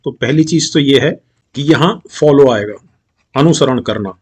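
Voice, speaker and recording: A middle-aged man with an Indian accent explains exam grammar questions, mixing Hindi and English and reading English sentences slowly and deliberately. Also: medium pitch, breathy edge. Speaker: exam-prep English teacher.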